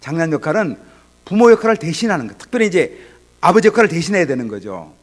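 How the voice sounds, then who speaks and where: A man preaching an afternoon sermon as a pastor, acting out the characters' lines with big swings between loud and quiet. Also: a little high, sing-song, fast talker. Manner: acts out the father and son in dialogue, swinging from loud to hushed.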